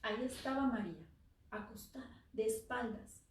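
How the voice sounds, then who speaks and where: A woman telling a dark tale on a theater stage, dropping at times to a near-whisper for effect. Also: fairly high pitch, normal speed, a little hiss or hum. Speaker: oral storyteller. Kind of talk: dramatic live story narration. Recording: echoey theater, from far off the mic.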